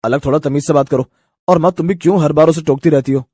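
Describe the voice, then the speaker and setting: एक पुरुष, कार्टून कहानी में सबको चुप कराने वाले बुज़ुर्ग ससुर की आवाज़ करता हुआ।. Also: male voice, a little high, fast, breathy edge, dry recording, clean studio sound. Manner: calm, hushing others. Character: stern older father-in-law.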